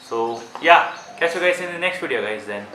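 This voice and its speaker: Speaking in a fairly high, animated voice at a moderate pace, a gadget-reviewing vlogger with an Indian accent gives his viewers informal, casual unboxing commentary. He tends to repeat himself and keeps calling them "guys." Faint background noise fills the echoey room.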